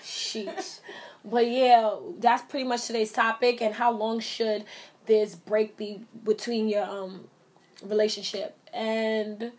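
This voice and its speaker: A woman's voice: fairly high pitch, level tone, slow, darkish tone. A young woman co-hosting a podcast in loose, casual chat, laughing often. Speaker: podcast co-host.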